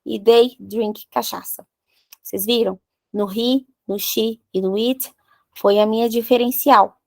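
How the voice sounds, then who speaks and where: A woman's voice: fairly high pitch, steady tone, vocal fry, a little mellow, no echo. A woman with a Brazilian Portuguese accent teaching an English grammar lesson, joking around and drilling verb forms one by one. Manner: playful, jokey, drills conjugations slowly one by one.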